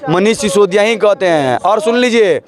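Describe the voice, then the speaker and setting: A man's voice: high-pitched, normal speed, a crowd in the background. A man in a street debate lecturing others with figures from a report. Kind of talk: street argument.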